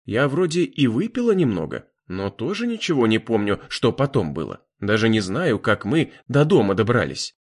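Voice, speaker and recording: A man's voice: mid-range voice, big pitch swings, normal speed, few pauses. A man voicing an earnest young woman.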